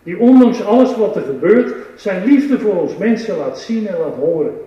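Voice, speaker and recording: A man's voice: high voice, lively intonation, moderate pace, very echoey, recorded from a distance, dull audio. A man preaching an earnest, reflective sermon who reads scripture aloud.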